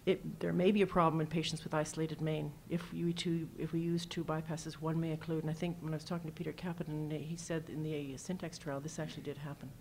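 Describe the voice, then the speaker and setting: Low-voiced woman presenting surgical cases. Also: little pitch movement, fast, few pauses, darkish tone, slight background noise. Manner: casual, anecdotal, walks through slides with numbers. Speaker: cardiac surgeon presenting at a symposium. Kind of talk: conference presentation.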